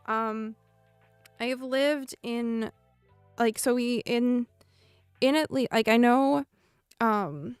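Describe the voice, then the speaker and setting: A young American woman with a General American accent chats casually with viewers in a clear, resonant, higher voice. She meanders thoughtfully and laughs often, and there's no room sound.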